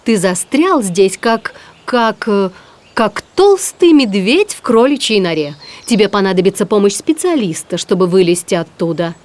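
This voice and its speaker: A woman's voice: mid-range voice, expressive, normal speed, darkish tone, close to an everyday voice. Woman voicing a wise old owl. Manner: knowing, scolding. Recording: music playing behind.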